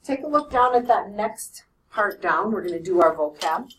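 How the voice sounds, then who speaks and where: Here a woman lectures a class on math, walking through it step by step and asking "okay?" and "right?" along the way. She speaks at a moderate pace in an animated, medium-pitched voice, captured from afar in an echoey classroom with slight background noise.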